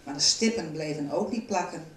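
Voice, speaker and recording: A woman reading a children's storybook aloud in a calm, even narrating voice. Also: sits low, brisk. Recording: roomy, from a distance.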